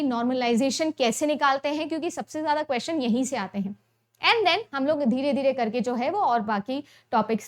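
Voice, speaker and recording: A young woman teaching an exam-prep lesson, explaining step by step and often checking in with her students. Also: high-pitched. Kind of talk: Hindi-English mixed lecture.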